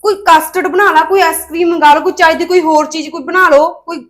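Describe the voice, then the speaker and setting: A woman's voice: extremely high pitch, steady tone, fast talker, fairly bright tone. An actress playing a spoiled young married woman who scolds her sister-in-law and finds fault with everything. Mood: scolding. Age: young adult. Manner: scolding, sulky, fault-finding. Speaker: actress in a village family drama.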